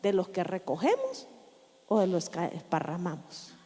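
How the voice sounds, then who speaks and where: A woman's voice: on the low side, huge pitch swings, dark tone, slightly rough. A woman pastor teaching a sermon, often checking in with her listeners by asking "¿sí?". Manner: slow, questioning the congregation with repeated "¿sí?". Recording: long hall reverb.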